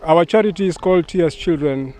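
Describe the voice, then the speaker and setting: A man from Kenya, a charity founder speaking in a measured way with fillers. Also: on the high side, mellow. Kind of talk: explanatory speech.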